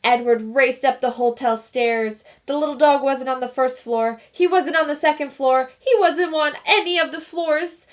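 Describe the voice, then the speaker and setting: A teacher reading a children's storybook aloud with expressive, animated narration. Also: female voice, sits high, moderate pace, hardly any pauses.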